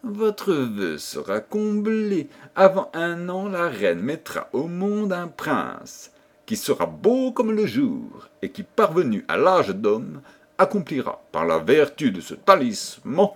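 A stately fairy of the lake who speaks slowly and solemnly. Her pitch rises and falls widely and her tone stays husky, as a male reader of a fairy tale voices her. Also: huge pitch swings, exaggerated voice.

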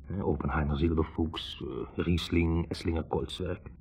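A very deep, steady, unhurried voice, darkish and breathy with vocal fry, delivers a heavily acted 1960s radio monologue. The actor plays a young physics student who hesitantly and reflectively recounts a troubled love with wry humor, correcting himself as he goes. The old radio recording is muffled.

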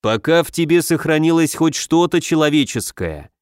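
A man voicing a stern heroic warrior who speaks in a low, firm, weighty way in an audiobook. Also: expressive, normal speed, dry recording, clean studio sound, natural voice. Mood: grave firm. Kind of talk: audiobook narration.

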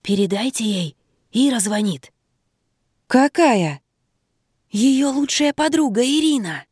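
A woman's voice: fairly high pitch, normal speed, no echo, clean studio sound, lightly acted. A woman doing a timid, pleading female friend. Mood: whispering. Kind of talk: audiobook character reading.

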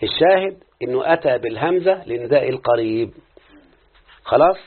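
A man's voice: mid-range voice, lively intonation, brisk, slightly rough. A man with an Egyptian accent teaching Arabic grammar to a class, constantly checking whether his students understand. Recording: muffled phone-like lo-fi recording.

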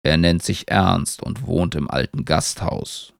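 Storybook old tree, male, very deep and unhurried, gravelly edge, a man puts him on. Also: dry recording, clean studio sound, exaggerated voice. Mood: calm. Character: old slow-spoken male tree, lonely.

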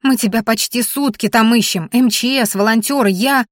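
A woman reading an audiobook, voicing a hot-tempered young woman who scolds and yells at her friend. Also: medium pitch, expressive, moderate pace, dry recording, clean studio sound, natural voice. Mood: frantic. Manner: shouting, scolding. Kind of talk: audiobook character voice.

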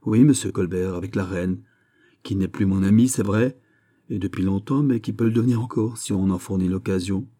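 In an audiobook, a man voices a haughty, scheming duchess who teases and bargains in a coaxing way with a cool edge. His very dark, mellow voice is raised only slightly toward a lady's register, staying fairly low, close to his everyday voice, and a little fast.

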